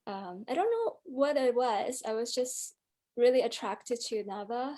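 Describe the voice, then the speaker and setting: A guest musician from Hong Kong speaks reflectively in an interview, her fairly high, mellow voice lively in intonation and a little slow. She hedges constantly with fillers like "um" and "like."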